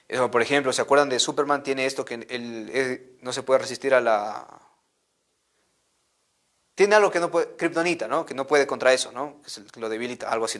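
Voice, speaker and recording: A man with a Peruvian accent telling a Bible story to children as a catechist, animated and repetitive, often checking in with "¿no?". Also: on the high side. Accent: Peruvian Spanish.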